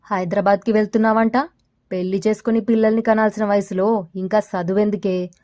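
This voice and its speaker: A woman's voice: mid-range voice, flat delivery, fairly quick, warm tone, dry recording, lightly acted. Cruel taunting male thug read by a woman storyteller, sneering, audio story, darkish tone, dry close sound.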